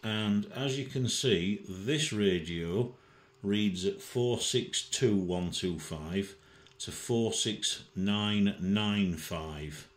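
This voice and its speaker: A man presents an informal software tutorial from a desk indoors, working methodically and thinking aloud. His voice sits on the low side and he draws out his words. The room is echoey.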